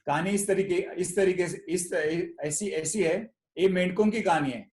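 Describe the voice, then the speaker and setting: A man's voice: high-pitched, measured pace, darkish tone, roomy sound. A man giving a motivational talk at a club meeting. He tells a story and often repeats his words. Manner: storytelling, repeats words, mixes Hindi and English. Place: meeting room.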